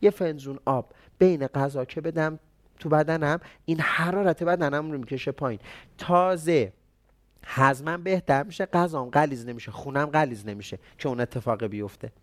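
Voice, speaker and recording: A man giving an explanatory talk on traditional medicine, speaking conversationally and answering his own rhetorical questions. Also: a little high.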